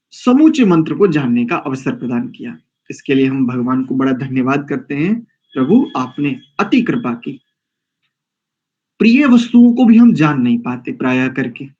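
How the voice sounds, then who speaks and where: A male Vedic teacher leads a scripture class at a very unhurried pace, stretching out each syllable of a mantra. His voice sits a little high for a man and comes through a dull, lo-fi recording. He often pauses to question his listeners and correct himself. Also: a little mellow. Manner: slow, deliberate, drawn-out mantra pronunciation drills.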